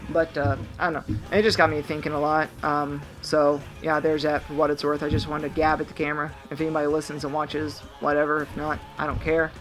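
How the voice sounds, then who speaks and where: A man's voice: on the high side, monotone, a little fast, hardly any pauses, fairly bright tone, soft background music, rough recording. A man in his thirties rambling reflectively to a camera in a vlog monologue. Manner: reflective, musing. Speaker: vlogger. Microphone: camera mic.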